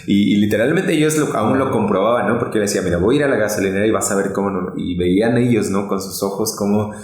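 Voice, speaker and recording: A man's voice: fairly low pitch, quick pace, a little mellow. Mexican-born man, echoey, "¿no?" after each phrase. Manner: tag question "¿no?" after nearly every phrase. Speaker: podcast guest. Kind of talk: casual testimony. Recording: very echoey room.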